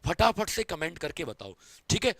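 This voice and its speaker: A male science teacher giving an online exam-prep lecture, quizzing students over and over in a fond way. His voice cracks when he talks fast. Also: on the high side, very animated, fairly bright tone, no room sound. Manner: repetitive quizzing, calls students "beta" and "babu".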